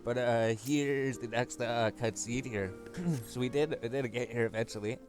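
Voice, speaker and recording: At normal speed and medium pitch, a man hosts a gaming video, giving a casual walkthrough while thinking aloud over the game's music.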